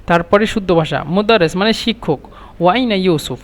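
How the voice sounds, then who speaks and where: A man teaching Arabic phrases, repeating each phrase slowly and then translating it. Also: high-pitched, long reverb tail.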